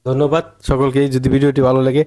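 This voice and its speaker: A man with a Bengali accent teaching English pronunciation, drawing out and repeating each word slowly. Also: medium pitch, monotone, darkish tone. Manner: slow, drawn-out repetition of words to model pronunciation. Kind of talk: spoken pronunciation lesson.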